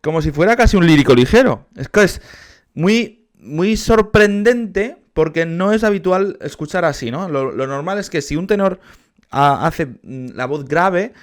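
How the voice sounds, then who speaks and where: A man from with a somewhat high-pitched speaking voice talks through a piece of music in a relaxed reaction commentary. He explains patiently and thoughtfully, pausing to reflect as he goes. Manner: thoughtful, explains patiently, sometimes sings syllables to demonstrate. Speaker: music reaction host, choir and orchestra conductor.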